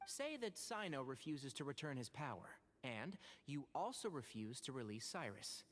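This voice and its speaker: A man's voice: medium pitch, big pitch swings, moderate pace, fairly bright tone. A man voicing a composed, shrewd young scholar in a video game, articulate, polite and probing. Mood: calm, probing.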